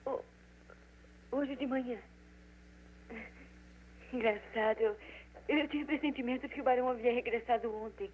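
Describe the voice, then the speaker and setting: Brief: actress as a nervous society baroness, stammering, slightly high voice, lo-fi 1940s dub sound. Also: female voice, steady tone, normal speed, pauses often, natural voice. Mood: anxious. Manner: stammering, hesitant and anxious. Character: anxious suspicious baroness, society wife. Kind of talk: 1940s Brazilian Portuguese film dub. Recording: tinny old film dub with hiss.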